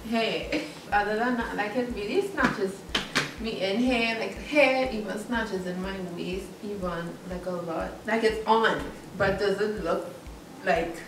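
A young woman talks her way through a clothing try-on haul, chatty and giggly with a self-conscious edge. She sounds set back from the camera in a roomy, echoing space. A clear hiss of noise sits behind her. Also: mid-range voice, a little slow. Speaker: vlogger. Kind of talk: casual try-on haul chat. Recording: echoey room from far off.

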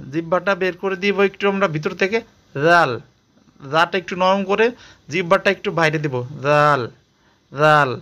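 A man teaching Arabic letters in a patient recitation lesson, repeating each sound slowly and asking and answering his own questions. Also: fairly high pitch, bright, forceful tone.

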